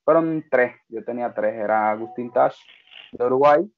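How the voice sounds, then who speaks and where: A man interviews a guest in a friendly, chatty way, with plenty of fillers between his questions. His voice sits at an ordinary pitch. It comes through a narrow, phone-like band. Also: normal speed. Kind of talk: casual interview chat.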